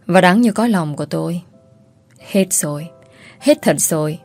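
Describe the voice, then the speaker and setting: Low-voiced woman storyteller. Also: expressive, a little mellow, soft background music. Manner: sorrowful, measured storytelling. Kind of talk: first-person narrated audio story.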